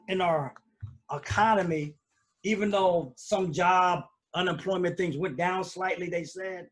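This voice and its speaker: A man hosting a casual live stream from home, talking loosely with lots of fillers and restarts. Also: on the high side. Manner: loose, rambling, conversational with fillers. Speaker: host.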